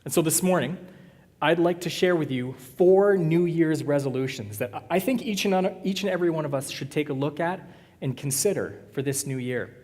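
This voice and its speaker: A man preaches in a church, easygoing and quick to joke with his congregation. His voice sits a little high for a man. A long reverb from the sanctuary trails each phrase. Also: a little mellow. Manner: conversational, joking with the congregation. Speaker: pastor. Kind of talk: sermon.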